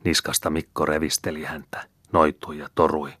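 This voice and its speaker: A man reading folk tales aloud as an audiobook narrator, in a measured storytelling manner. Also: extremely low pitch, steady tone, a bit bright, no room sound. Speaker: audiobook reader.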